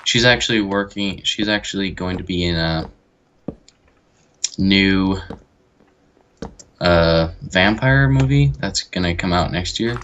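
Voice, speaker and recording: Easygoing man with a very deep voice, unhurried game chat, faint hiss behind. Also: a bit bright, muffled recording. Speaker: game co-host. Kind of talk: casual gameplay chat.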